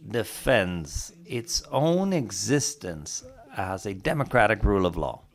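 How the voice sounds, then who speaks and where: A man on a conference panel answers in a deliberate, formal manner. His voice sits low and has a creaky, gravelly texture. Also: big pitch swings.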